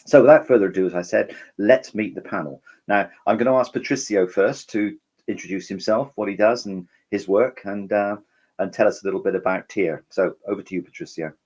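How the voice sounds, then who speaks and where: Husky-voiced man chairing a panel. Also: fairly low pitch, brisk, darkish tone. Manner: polite, chatty moderator with restarts. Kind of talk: moderating a webinar panel.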